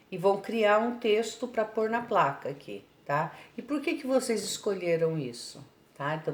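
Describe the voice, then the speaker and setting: A Brazilian woman teaching a remote lesson, patiently explaining homework and checking in after each point. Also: low-pitched. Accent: Brazilian Portuguese. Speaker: schoolteacher. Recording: echoey room with faint background noise.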